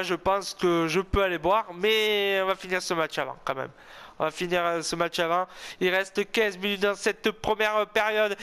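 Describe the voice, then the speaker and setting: A young man from southern France doing solo commentary on a football video game, rambling between plays and bursting into repeated shouts at goals, his voice going hoarse. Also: high voice. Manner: excitable, shouts repeated goal calls, rambling asides. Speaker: gaming youtuber.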